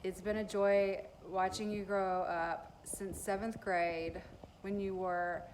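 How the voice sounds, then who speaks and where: A woman teacher speaks slowly and emotionally to her graduating students. Her pitch barely moves, and a faint background hiss sits under her voice. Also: flat delivery, a little mellow, low-quality recording. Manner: slow, heartfelt, emotional. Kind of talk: recorded graduation message.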